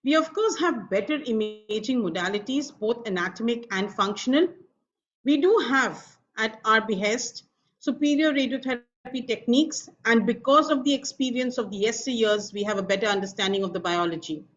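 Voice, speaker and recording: A middle-aged woman with an Indian accent giving a formal, measured medical lecture as a professor. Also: on the high side. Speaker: professor of radiation oncology, guest speaker. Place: online video call. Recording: dull lo-fi video call audio.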